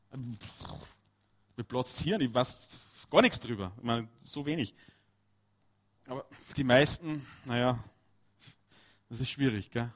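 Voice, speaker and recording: A man preaching a lively, chatty sermon, his voice sitting a little above the usual male pitch. He talks straight to his listeners, breaking off for quick asides and questions.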